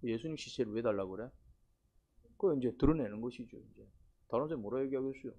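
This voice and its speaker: A man's voice: mid-range voice, fast, lo-fi sound. A man preaching in church with a mid-range voice. He keeps asking the congregation questions and hammers key phrases home through repetition. His wording is blunt and homely, and he pushes it hard at the points he wants to land. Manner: folksy, blunt wording with sudden emphatic rises. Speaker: pastor. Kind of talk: sermon.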